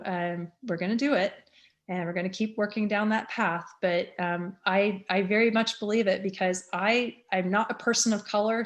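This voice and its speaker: A school superintendent, a woman in her fifties, talks honestly and earnestly at a community meeting in a mid-range voice. She pauses often on "um."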